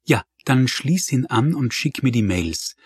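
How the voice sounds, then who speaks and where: A man voicing a brisk, businesslike female doctor giving orders over the phone in an audiobook. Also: mid-range voice, expressive, breathy edge, dry recording, studio quality, voice pushed up.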